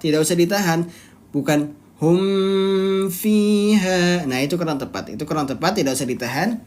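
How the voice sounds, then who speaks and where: Patient teacher in a live online lesson. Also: mid-range voice. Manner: explains rules step by step and quizzes the students; draws out recited words slowly to demonstrate. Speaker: Quran recitation teacher.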